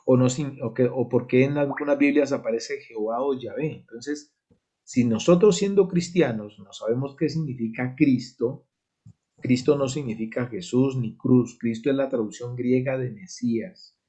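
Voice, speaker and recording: A man's voice: mid-range voice, moderate pace, dark tone, breathy edge, dull audio. A man with a Colombian Spanish accent teaching a church Bible study, explaining step by step and checking in with the class. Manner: explanatory, asks "¿sí?" to check understanding.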